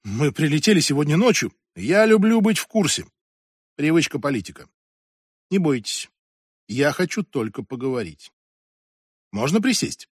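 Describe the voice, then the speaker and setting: A woman's voice: deep voice, very animated, moderate pace, long pauses, breathy edge, no echo, studio quality, exaggerated voice. A man reading an audiobook and voicing a strict, imperious ex-senator in her eighties who talks in a commanding, impatient way. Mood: composed. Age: 80s. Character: strict imperious old woman, former senator.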